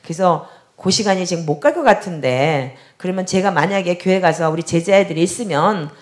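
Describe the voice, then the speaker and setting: A woman's voice: lowish voice, a little fast. A middle-aged woman pastor telling a story from her pulpit, acting out the other people's voices as she goes. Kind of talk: testimony during a prayer service.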